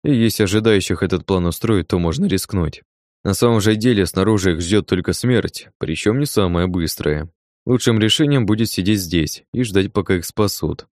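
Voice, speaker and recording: A man narrating a first-person audiobook in a calm, even manner. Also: low voice, normal speed, dry recording, clean studio sound.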